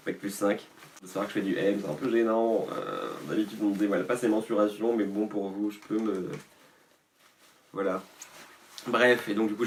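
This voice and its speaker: A man's voice: on the low side, slight background noise. A man vlogging casually about clothes he bought, rambling and self-mocking with lots of fillers and asides. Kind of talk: casual fashion haul vlog.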